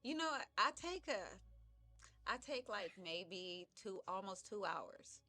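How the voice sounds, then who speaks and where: Bright-voiced blunt woman podcaster. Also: mid-range voice, very animated, slow pace. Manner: candid, laughing, blunt. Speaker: podcast co-host. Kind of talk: casual chat.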